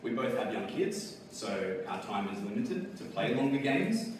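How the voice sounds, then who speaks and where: An Australian board game designer gives a conference talk in a low voice, very animated yet at a measured pace. His casual manner is full of fillers and laughs. He stands far from the mic in an echoey hall, and noise is audible in the recording.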